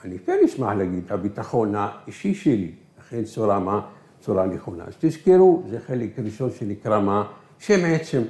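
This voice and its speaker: A male teacher whose first language is Arabic gives a recorded grammar lesson. He asks questions and answers them himself, slowing down on key words. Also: on the low side, very animated, a little mellow, a little hiss or hum. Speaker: Hebrew teacher. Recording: echoey room.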